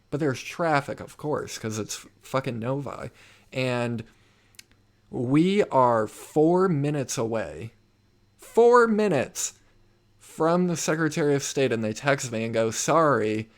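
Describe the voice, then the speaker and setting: A young man hosting a casual podcast, telling stories with lots of swearing and loud acted-out quotes. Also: mid-range voice. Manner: animated storyteller, swears a lot, acts out quoted voices loudly. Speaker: podcast host. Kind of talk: casual chat.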